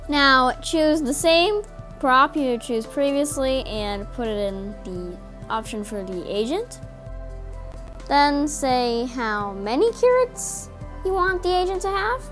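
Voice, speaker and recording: Over a screen recording, a high-voiced woman walks through a coding tutorial one step at a time, speaking in a plain, instructing way. She sounds animated and a bit bright, taking it slowly, and faint music plays in the background.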